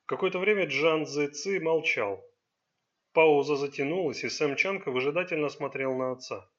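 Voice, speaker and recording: Bright-voiced male audiobook narrator. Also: on the high side, normal speed, muffled recording. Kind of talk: scripted narration.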